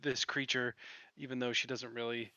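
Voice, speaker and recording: A man's voice: medium pitch, little pitch movement, normal speed, bright, forceful tone, no room sound, muffled recording. A man playing a tabletop game who thinks aloud about his character in a hesitant way. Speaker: player.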